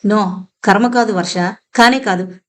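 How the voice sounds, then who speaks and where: A woman's voice: mid-range voice, measured pace, lightly acted. A woman narrator voicing an obsessive, vengeful man just out of prison who taunts and threatens, mixing in English words. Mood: menacing. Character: obsessive vengeful male ex-convict, menacing.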